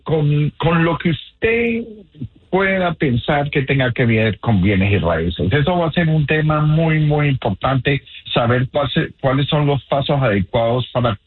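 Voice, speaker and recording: A man's voice: mid-range voice, slightly rough. A man from Colombia, a real estate agent, explaining earnestly on a radio call-in show with many fillers. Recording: tinny phone line.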